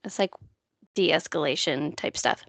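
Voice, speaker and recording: Relaxed gravelly woman chatting. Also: low voice, unhurried, no room sound. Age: adult, parent of a school child. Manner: relaxed, laughs often, trails off. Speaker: podcast co-host. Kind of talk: casual chat.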